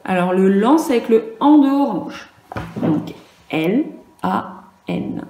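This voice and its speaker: French woman, primary teacher, slow and patient, mellow voice, echoey room. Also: on the high side, sing-song, a little hiss or hum. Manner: slow, patient, spelling out sounds and syllables. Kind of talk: virtual class lesson for young children.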